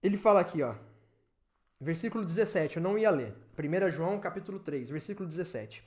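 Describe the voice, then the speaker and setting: A woman's voice: lively intonation, quick pace. Fervent Brazilian woman preaching. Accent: Brazilian Portuguese. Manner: fervent, emphatic, swinging between loud urging and low intimate asides. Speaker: pastor. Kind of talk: sermon at an online church service.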